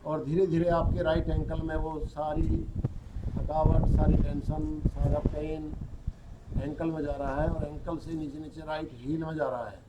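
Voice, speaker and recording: A man leading a guided yoga nidra relaxation as a yoga teacher, giving calm, slow instructions and mixing in English words. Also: a little high, dull audio, heavy background noise.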